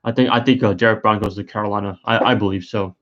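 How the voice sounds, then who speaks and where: A fairly low-pitched man talks through a casual live stream, sleepy and yawning. He rambles and hesitates, restarting his sentences and filling gaps with ums and uhs. The audio is dull and lo-fi. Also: fairly even intonation, fast, a bit bright. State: tired and yawning. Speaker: sports streamer.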